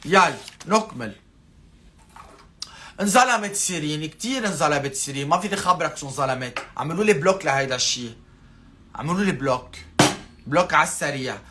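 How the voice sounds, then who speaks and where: A man's voice: on the high side, animated, fast, long pauses, sharp tone, slight background noise. A man with a Lebanese accent hosting a satirical live stream, sarcastic and mocking, often slipping into a whiny pleading imitation.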